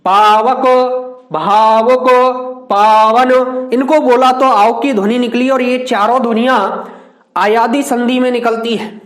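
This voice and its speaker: A man's voice: very high-pitched, fairly even intonation. A male teacher giving a grammar lesson, asking questions and answering them himself, drawing out each example word. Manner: slow, drawn-out word examples. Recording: echoey room.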